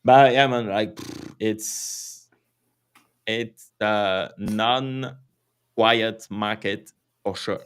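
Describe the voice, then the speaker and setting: A man's voice: lowish voice, drawn-out words, smooth. A man with a French accent hosting a casual crypto livestream, rambling with lots of fillers, swearing and laughing.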